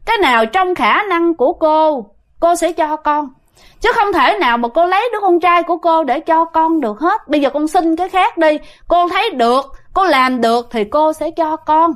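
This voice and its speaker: A woman's voice: very high voice, lively intonation, normal speed, voice pushed up. A woman voicing a frightened mother who urgently pleads to save her son, with a Southern Vietnamese accent. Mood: bargaining.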